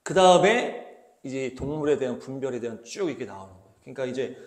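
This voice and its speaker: A man's voice: medium pitch, lively intonation, quick pace. A male pastor giving a conversational sermon, reading scripture and explaining it with rhetorical questions. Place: small church hall. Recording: roomy echoing room.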